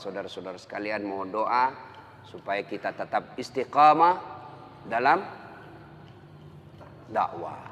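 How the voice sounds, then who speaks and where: A man preaching an Islamic sermon, telling humorous anecdotes in a lively storytelling manner, his voice climbing at the punchlines. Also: mid-range voice, a little hiss or hum. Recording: long hall reverb.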